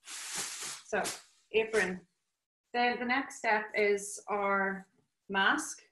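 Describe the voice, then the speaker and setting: A woman's voice: mid-range voice, steady tone, very slow, pushed and bright, a little hiss or hum. A woman giving a practical, step-by-step spoken demonstration as a nurse. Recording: roomy, echoing sound.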